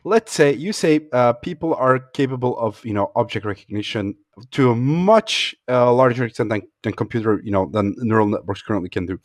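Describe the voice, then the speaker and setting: A man's voice: medium pitch, expressive, fairly quick, no echo, clean studio sound. A man hosting a casual discussion, challenging his guest's points as a devil's advocate.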